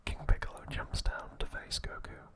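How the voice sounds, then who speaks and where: Short, broken phrases make up this man's deliberate ASMR trivia reading. He keeps his voice to a soft, breathy whisper.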